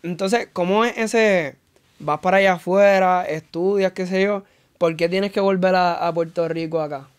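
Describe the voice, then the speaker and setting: Easygoing male interview host, clear voice. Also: high-pitched, normal speed. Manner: relaxed, encouraging, short backchannels. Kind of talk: casual interview.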